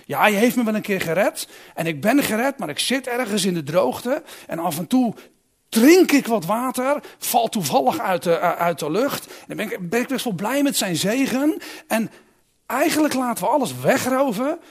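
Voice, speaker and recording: A man preaching a sermon who asks his listeners direct questions and swings between loud emphatic calls and quiet reflective asides. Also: high voice, lively intonation, normal speed, husky.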